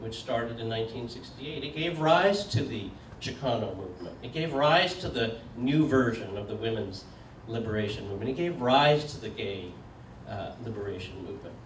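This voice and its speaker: Older guy giving a loose jokey talk to a crowd, lots of uh's, mic kinda far off in an echoey room with faint hum. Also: mid-range voice. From United States. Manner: relaxed, joking, conversational with many fillers. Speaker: speaker. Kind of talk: public talk with audience questions. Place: community meeting room.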